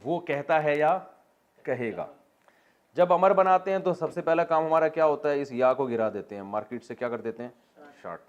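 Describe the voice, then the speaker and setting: A man's voice: fairly high pitch, lo-fi sound. Man teaching a class, quizzing students. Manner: explains step by step, asks the class questions and answers them himself. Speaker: religious teacher. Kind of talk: classroom lecture on Quran vocabulary and grammar.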